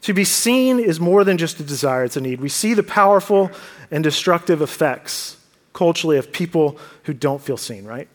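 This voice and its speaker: A male pastor with a high, light voice delivers a sermon in an earnest, conversational way. He keeps putting questions to the congregation. His words carry a long reverb from the church sanctuary. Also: expressive, moderate pace.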